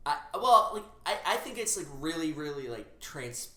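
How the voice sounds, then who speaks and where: Halting, filler-heavy male co-host. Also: a little high, big pitch swings, fairly bright tone, echoey room. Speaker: podcast co-host. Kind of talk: casual comedic chat.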